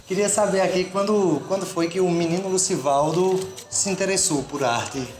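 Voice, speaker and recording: A man's voice: high-pitched, moderate pace. A man hosting an interview, asking questions eagerly and casually, with short affirmations. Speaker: interviewer, host. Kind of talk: friendly interview. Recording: echoey room with music behind.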